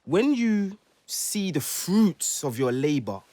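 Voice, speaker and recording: Guy hosting, philosophizing slowly, dry close sound. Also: high voice, big pitch swings, mellow, no room sound. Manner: preachy, philosophical, drawn-out. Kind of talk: casual group chat.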